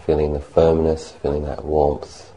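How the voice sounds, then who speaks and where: In a completely flat delivery, a man with an extremely low voice leads a guided meditation in the role of a monk. He speaks softly and slowly, in brief phrases separated by long silences.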